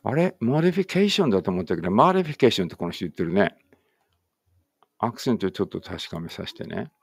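A man's voice: on the low side, very animated, gravelly, husky, no echo. A male English teacher whose first language is Japanese reads a vocabulary list aloud word by word, dropping casual explanations between items. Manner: deliberate word-by-word drill reading with chatty asides.

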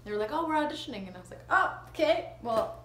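This time the Canadian actress, a woman in her thirties, has a high, expressive voice at a quick pace. She talks casually in an interview from her living room, hesitant and self-deprecating. Echo and ambient noise fill the room.

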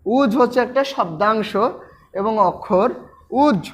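A man's voice: extremely high pitch, normal speed. A man teaching pronunciation, repeating each word several times and speaking directly to his students. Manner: addresses students directly with instructions. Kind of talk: pronunciation lesson. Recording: dull lo-fi recording.

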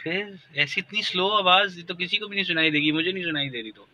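Male radio host from Pakistan, fairly high, very bright voice, chatty teasing banter on a live call-in show. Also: fast talker, muffled recording, slight background noise.

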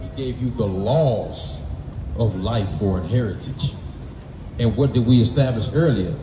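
In a low voice, going a little slow, the American street Bible teacher preaches emphatically and colloquially, punctuating with "right?" and "man" in a call-and-response exchange. People's noise surrounds the distant, roomy microphone.

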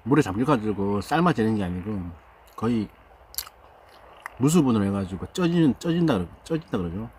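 A man's voice: fairly low pitch, moderate pace, slight background noise. A man hosting an outdoor eating show, talking casually while chewing and murmuring over his food. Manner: relaxed, savoring food, murmurs between bites. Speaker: mukbang host. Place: outdoors camping.

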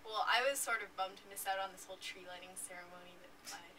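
A woman's voice: mid-range voice, steady tone, fast talker, pushed and bright. A fourteen-year-old girl answering interview questions in a chatty way, laughing often, with lots of fillers. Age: teens. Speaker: interviewee, young author and speaker. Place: indoor room with curtains, seated in armchair. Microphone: camera at a distance. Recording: distant mic, faint noise.

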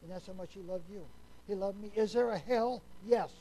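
High-voiced man preaching a folksy sermon. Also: brisk, rough recording. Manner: folksy, conversational preaching with frequent questions to the congregation; drops to a hushed, quiet voice at solemn points. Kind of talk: Sunday sermon.

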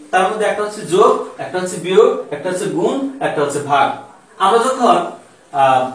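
A male math teacher explains a lesson in a high, animated voice that rises and falls widely. He asks questions and answers them himself, repeating each key term. He sounds far from the mic in a strongly echoing room.

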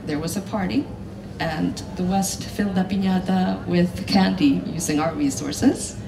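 A woman's voice: lowish voice, fairly even intonation, measured pace, creaky. A woman journalist from the Dominican Republic speaking on a conference panel, pointed and assertive. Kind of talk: panel talk on stage. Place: large hall on stage. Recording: roomy hall, mic at a distance, noisy.

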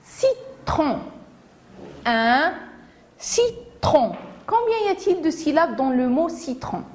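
A woman teacher with a Moroccan accent giving a phonics lesson to young children, saying each word slowly, syllable by syllable. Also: high voice, big pitch swings. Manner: slow, deliberate, syllable by syllable. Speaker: primary school teacher.

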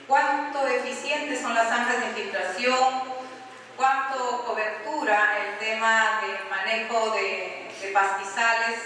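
A woman's voice: a little high, bright, forceful tone. A woman with a Peruvian accent giving a technical talk at a conference, explaining points and posing rhetorical questions to the audience. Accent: Peruvian Spanish. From Peru. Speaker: conference speaker. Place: large conference hall. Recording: echoey hall from far off.

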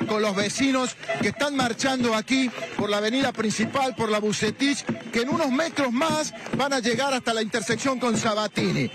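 A man's voice: very high voice, normal speed. A middle-aged man with an Argentine Córdoba accent reporting live from the street. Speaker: TV field reporter. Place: crowded street at night. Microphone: handheld microphone.

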